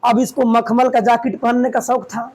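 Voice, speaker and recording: A man teaching a class, loudly quizzing students and retelling a story in dialect. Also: very high voice, level tone, normal speed, rough recording. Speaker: coaching centre teacher. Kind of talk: classroom Hindi lesson with quizzing. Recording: faint room noise and chatter.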